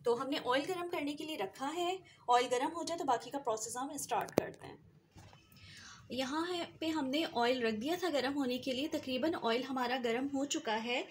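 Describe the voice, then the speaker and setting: A woman's voice: high voice, moderate pace. Home cooking host, woman, patient step-by-step teacher, frying noise behind. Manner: explains step by step, often adds "theek hai". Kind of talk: recipe walkthrough over cooking footage. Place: home kitchen. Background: sizzling oil and stirring.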